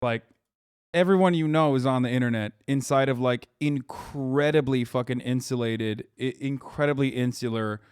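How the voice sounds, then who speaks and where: Reacting to videos on a live stream, a man in his thirties banters bluntly with his chat and swears often. He has a smooth, medium-pitched voice at a moderate pace, captured in studio quality with no room sound.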